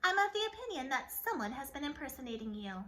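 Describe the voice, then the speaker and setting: A woman's voice: high-pitched, big pitch swings, fast, fairly bright tone, a little hiss or hum. A woman voicing a gullible, stuffy male school principal who speaks pompously.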